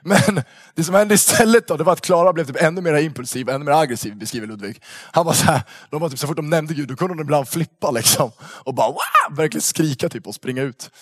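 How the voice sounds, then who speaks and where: Young male youth speaker with a lightly raised voice, lively and slangy storytelling, dry recording. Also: fairly high pitch, no room sound. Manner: animated storyteller, slangy with lots of fillers. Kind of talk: casual storytelling talk to young people.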